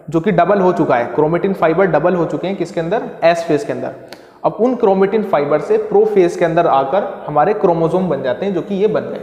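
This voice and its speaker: A man's voice: high voice, a little mellow. A male tutor explaining a lesson step by step, asking himself questions and repeating key terms. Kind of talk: classroom lesson explaining diagrams. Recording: echoey room with long reverb.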